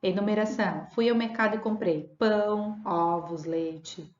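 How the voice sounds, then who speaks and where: Woman teacher in an echoey room. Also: medium pitch. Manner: dictates punctuation slowly, self-corrects, checks in with "tá?". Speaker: Portuguese teacher. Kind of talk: classroom video lesson. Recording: echoey room, dull lo-fi sound.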